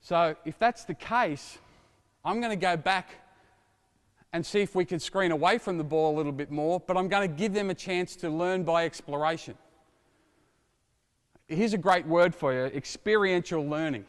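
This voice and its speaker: A middle-aged man coaching a basketball drill, calling out instructions and explaining to watching coaches in an energetic, lively way. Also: high voice, moderate pace, long pauses, clear, resonant tone. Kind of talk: coaching clinic demonstration. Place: indoor basketball court. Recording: long reverb of a large gym.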